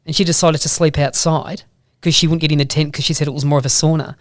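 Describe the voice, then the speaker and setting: Higher-pitched man with a broad Australian accent. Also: steady tone, quick pace, no room sound, clean studio sound. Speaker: podcast guest, motorbike vlogger. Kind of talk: casual interview storytelling.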